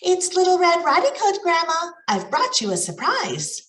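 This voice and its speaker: A woman's voice: extremely high pitch, wildly swooping pitch, normal speed, a bit bright, echoey room, pitched above the performer's own voice, heavily acted. Woman playing a sly storybook big bad wolf. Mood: fake-sweet. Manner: smooth-talking, faking a sweet grandmotherly voice.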